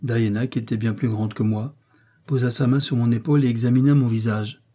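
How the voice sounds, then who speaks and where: A man reads a classic novel aloud in a measured, even way. His voice is very dark and mellow, with a husky edge. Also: medium pitch. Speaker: audiobook reader. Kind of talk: scripted narration.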